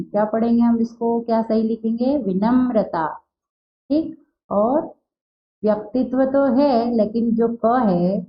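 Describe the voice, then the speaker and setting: A woman teaching a Hindi class, who asks a question and answers it herself, and slowly repeats words to show how they are said. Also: fairly high pitch. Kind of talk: recorded class lesson. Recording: dull lo-fi sound in an echoey room.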